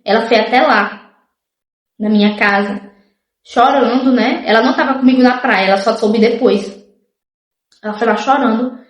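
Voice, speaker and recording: A woman's voice: on the high side, roomy sound. A young woman, casually telling viewers her life story and acting out what others said. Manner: chatty, often says "gente" and "tipo", acts out others' lines.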